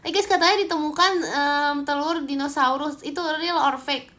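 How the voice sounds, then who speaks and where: A woman's voice: sits high, steady tone, normal speed, a bit bright. A young Indonesian woman hosting a casual livestream, chatting and giggling as she reads viewer comments. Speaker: idol livestream host.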